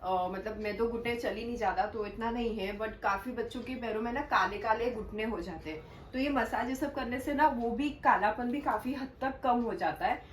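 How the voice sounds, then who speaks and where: A woman's voice: on the high side, normal speed. A young woman talking casually to her viewers in a chatty home vlog. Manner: chatty, addresses viewers directly. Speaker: vlogger. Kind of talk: casual vlog talk to camera. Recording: echoey room, voice a bit far from the mic, faint background hum.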